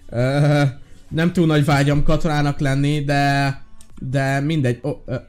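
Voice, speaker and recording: A man hosting a gaming video, giving casual, excitable and curious let's-play commentary with many fillers. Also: on the high side, soft background music.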